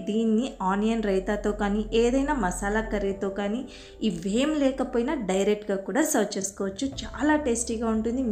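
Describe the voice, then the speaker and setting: A woman with a Telugu accent, host of a home cooking channel, narrating a recipe voice-over with steady step-by-step instructions. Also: mid-range voice.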